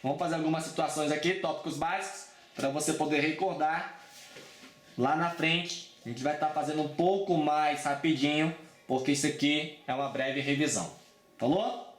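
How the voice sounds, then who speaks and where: A Brazilian man with a fairly high voice gives a relaxed, slangy math lesson for exam prep. He keeps checking in with his students as he goes. The room around him sounds echoey. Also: moderate pace, slight background noise. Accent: Brazilian Portuguese. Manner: chatty and informal, with frequent check-ins and slang. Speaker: math teacher.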